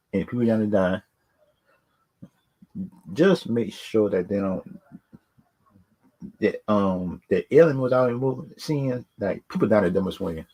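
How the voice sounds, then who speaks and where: Recorded in low quality, this man with a lowish voice rambles through off-the-cuff takes on films and games as a video host. He often repeats words and falls back on stock phrases.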